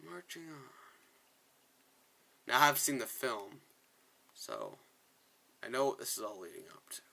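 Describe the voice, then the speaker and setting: This man, a gaming video creator, talks through his gameplay with relaxed, opinionated remarks and reads in-game dialogue aloud, frequently exasperated. He speaks at a normal speed in a lowish, gravelly voice that is pushed and bright, with huge swings in pitch.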